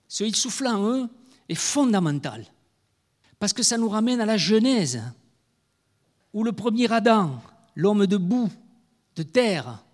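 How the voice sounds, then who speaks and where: A man with a high voice delivers a sermon. He speaks with emphasis and stops to ask his listeners rhetorical questions before answering them himself. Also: long reverb tail. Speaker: preacher.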